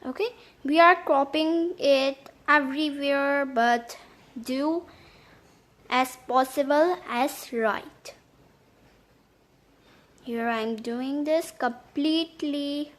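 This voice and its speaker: High-pitched, slow-talking woman. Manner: halting, repetitive step-by-step phrasing. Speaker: tutorial host. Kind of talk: step-by-step app tutorial narration.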